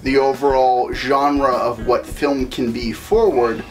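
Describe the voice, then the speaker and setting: A man's voice: medium pitch, takes it slowly, soft background music. A man giving an earnest, wordy opinion in a casual film review chat. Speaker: film review show co-host.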